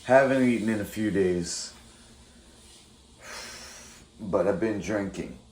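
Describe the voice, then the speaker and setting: Speaking slowly in a low, darkish voice, a man rambles casually through a morning vlog. A swollen, bitten tongue leaves his speech slightly thick and impeded, and the recording has roomy echo and faint background noise.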